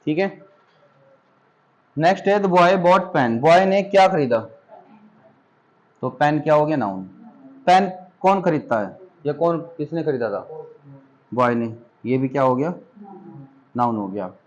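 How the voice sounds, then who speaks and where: Man, teacher, slightly high voice, Hindi accent, patient, asks and repeats questions, classroom lesson. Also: lively intonation, measured pace, long pauses, a little mellow, highs cut off.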